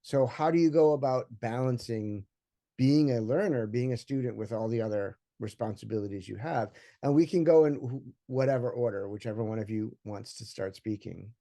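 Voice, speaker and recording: A man moderating a panel discussion, talking in a relaxed, conversational way with many fillers. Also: mid-range voice, moderate pace.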